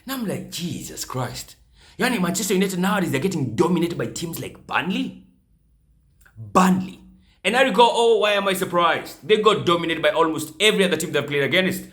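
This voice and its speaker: A man hosting a casual football recap show, talking in an animated, mocking way and slipping in Swahili slang. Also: sits high, a little fast. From Kenya. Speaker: football podcast host. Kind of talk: casual solo commentary.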